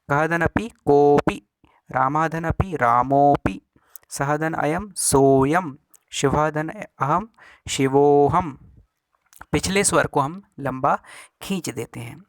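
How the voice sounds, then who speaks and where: A man teaching a grammar lesson, repeating each rule and slowly spelling out examples one by one. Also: on the high side, a bit bright, no room sound, clean studio sound. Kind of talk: classroom lesson explaining rules with examples.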